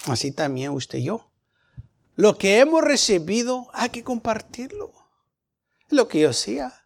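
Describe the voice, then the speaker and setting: Preacher guy telling a church story, gravelly voice, acts out all the parts. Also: high voice, sing-song, measured pace. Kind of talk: testimony sermon.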